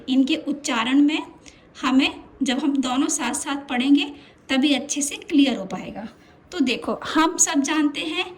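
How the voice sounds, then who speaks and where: A woman teaching a children's lesson, patient and drawing out each sound as she repeats it. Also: sits high.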